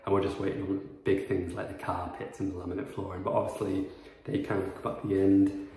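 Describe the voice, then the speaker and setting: Here a property renovation vlogger in his twenties speaks briskly in a deep, slightly mellow voice with little pitch movement. His house-tour vlog is chatty and rambling, thick with fillers, filmed on a phone camera he holds and then props up. He's inside an empty house mid-renovation, and the bare rooms sound echoey.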